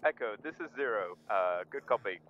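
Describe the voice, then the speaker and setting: A man giving orders as radio command officer over a walkie-talkie, in brisk military radio procedure. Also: on the low side, lively intonation. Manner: brisk, procedural, says "over" and "send message". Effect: heard over in-game walkie-talkie radio. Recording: muffled radio audio with faint hiss.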